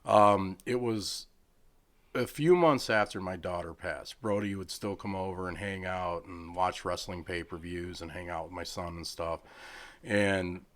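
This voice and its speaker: A middle-aged man, a charity head, telling a story in casual chat and acting out the people he quotes with lively swings in pitch. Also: measured pace. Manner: animated, acts out quoted people with raised pitch.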